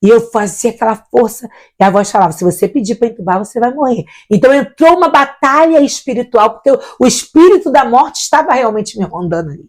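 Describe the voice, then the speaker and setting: A middle-aged woman recounts a personal faith testimony as a missionary guest. Her voice sits a little high. She tells it with animation and acts out the other people's words as she goes. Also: quick pace. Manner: animated storyteller acting out quoted voices.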